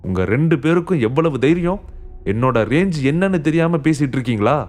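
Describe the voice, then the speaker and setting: A man voicing an arrogant, middle-aged rich father who shouts orders in anger, in an audiobook. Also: on the high side, animated, brisk, faint music behind, natural voice. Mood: furious. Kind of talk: audiobook character voice.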